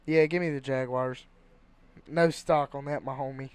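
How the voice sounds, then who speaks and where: A man co-hosting a casual sports podcast, excitable and rambling as he makes his picks. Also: medium pitch, clean tone, dry recording. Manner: excitable, rambling, fast bursts. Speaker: podcast co-host.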